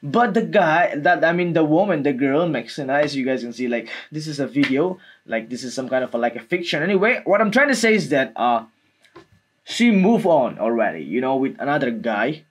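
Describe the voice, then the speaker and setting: Higher-pitched young man. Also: lively intonation, husky. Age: 20s. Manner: halting, repetitive, peppered with "like" and "man". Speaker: music video reactor. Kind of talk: casual reaction commentary. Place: small room indoors. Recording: music playing behind the voice. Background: music from the video being watched.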